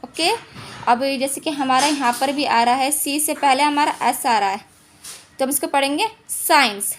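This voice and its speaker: A woman's voice: high voice, moderate pace, a little hiss or hum. A woman teaching English silent letters in an online lesson, patiently repeating each rule and asking herself questions before answering them.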